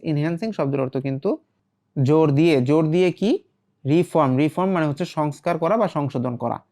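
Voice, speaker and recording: A man gives a rapid explanatory language lesson. He reads out short English phrases, glosses each one, and keeps the flow going with rhetorical questions that he answers himself. His delivery is quick and steady throughout. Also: fairly high pitch. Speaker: English teacher.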